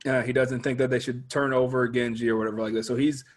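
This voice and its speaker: A man's voice: mid-range voice, flat delivery, quick pace. A man in a casual chat who explains a show's plot step by step, quoting the characters as he goes. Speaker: podcast guest. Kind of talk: casual chat recapping a TV show.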